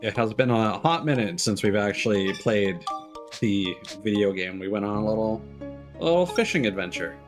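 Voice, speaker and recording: A man with a lowish voice, lively intonation and a moderate pace does casual video game commentary as a live streamer, cracking jokes and making playful asides. Game music plays behind his voice.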